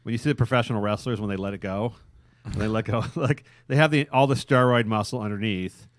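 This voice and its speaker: A man's voice: on the low side, fast talker, no room sound, clean studio sound. A man hosting a podcast, rambling crudely with frequent laughter. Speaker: podcast host. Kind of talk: casual crude podcast banter.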